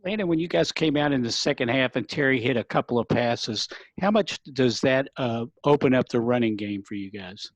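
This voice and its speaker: A man's voice: mid-range voice, moderate pace, few pauses, no room sound. A male sports reporter asking a direct question at a press conference.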